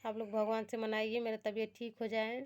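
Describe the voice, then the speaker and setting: A woman's voice: a little high, monotone, fairly quick, a little mellow. A woman with a Bhojpuri-tinged Hindi accent, chatting casually to her viewers from home at night. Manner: chatty, addresses viewers as friends. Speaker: family vlogger.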